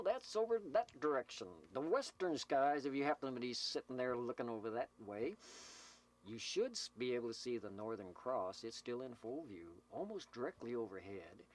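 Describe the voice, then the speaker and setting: At a desert camp in Slab City, California, a man hosts a community CB radio roll call, filmed as he speaks into a CB radio mic. His medium-pitched, expressive voice moves at a moderate pace through folksy, improvised, joking, teasing, rambling announcements.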